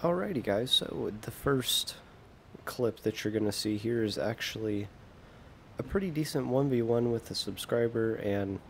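A man's voice: medium pitch, expressive, normal speed, creaky, slight background noise. A young American man giving casual, self-deprecating commentary over gameplay, often trailing off mid-sentence. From United States. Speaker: gaming video creator.

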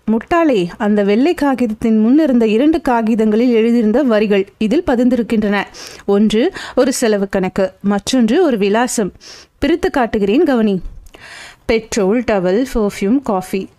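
A woman's voice: fairly high pitch, mellow, lightly acted. A woman voicing an impatient, scolding male lawyer who bosses his assistant. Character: irritable sharp-witted male lawyer boss. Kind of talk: audiobook character voice.

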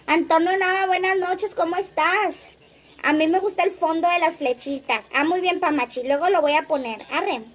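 A woman's voice: extremely high pitch, moderate pace. A woman hosting a casual livestream, chatting, laughing often and reading viewers' comments aloud. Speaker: livestream host.

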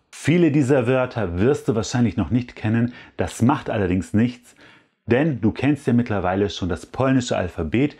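A man hosting a language lesson, repeating words slowly and carefully to drill their pronunciation. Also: fairly low pitch, darkish tone, husky. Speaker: language teacher and channel host.

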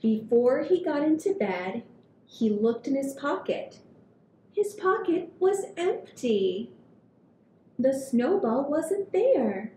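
At a table in a small indoor space, a woman in her thirties uses a headset to read a picture book to small children as story hour host. She speaks expressively and lingers over her phrases, while the room adds echo and a low rumbling noise.

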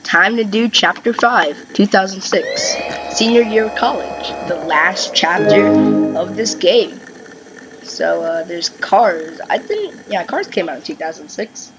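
A woman's voice: medium pitch, lively intonation, a little slow, low-quality recording. A woman hosting a gaming channel, giving casual let's-play commentary and reading chat lines aloud in playful voices. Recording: music playing behind the voice.

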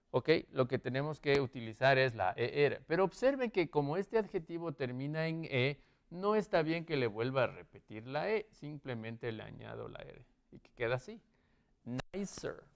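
Lively, clear-voiced male teacher. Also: medium pitch. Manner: checks in with frequent "¿sí?" and "¿ok?"; moves around while writing on the board. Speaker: English teacher. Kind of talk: classroom lesson.

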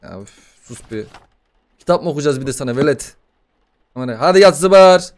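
Excitable, swearing young male gamer. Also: fairly high pitch, a little fast. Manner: excitable, swearing, banter with the game. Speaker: gaming YouTuber. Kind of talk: gaming commentary.

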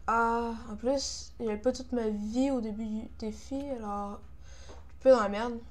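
A woman's voice: a little high, fairly even intonation, a little slow. A young woman with a Quebec French accent doing casual gaming commentary, frustrated, grumbling and swearing as she plays. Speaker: gamer, video creator.

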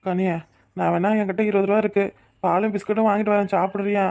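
A man's voice: high-pitched, little pitch movement, quick pace, gravelly, a little mellow. A man voicing a young, poor husband in a cartoon, soothing and reassuring his wife. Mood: tender. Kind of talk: cartoon voice acting.

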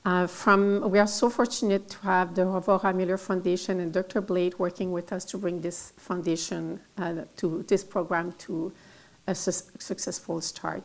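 A middle-aged woman with a rather low voice and a French Canadian accent. She is a native French speaker delivering a formal welcome at a podium, reading in a halting way from her notes. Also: level tone. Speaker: event speaker, associate dean of research. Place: auditorium at a podium. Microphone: podium microphone.

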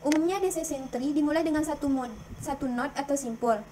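A young woman, a student, reads her slide presentation aloud at an even, careful pace, working through lists. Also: sits high, brisk, a little hiss or hum, rough recording. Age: young adult.

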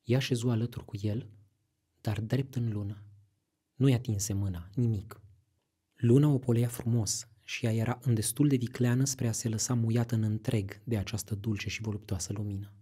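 A male audiobook narrator reads literary prose slowly and intimately. His voice is dark and mellow, and it stays very husky and breathy throughout. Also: on the low side, fairly even intonation.

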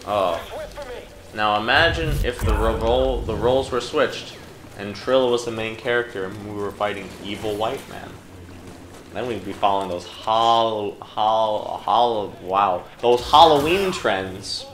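A man's voice: lowish voice, a little slow. A man co-hosting a let's play, wry and teasing in casual gaming commentary. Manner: wry, teasing, laughs often. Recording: echoey room with background noise.

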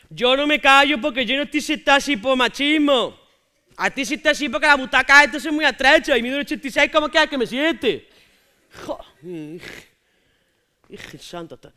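A woman playing a cocky young Andalusian man from Jaén who heckles loudly from the audience, calling out to the teacher. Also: fairly high pitch. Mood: restless. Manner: brash, indignant, keeps calling out "maestra". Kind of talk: stand-up character sketch on stage.

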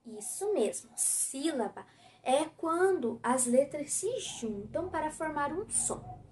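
Slow, high-voiced Brazilian teacher. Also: female voice. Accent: Brazilian Portuguese. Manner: clear, patient, spells out syllables. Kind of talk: recorded class for children.

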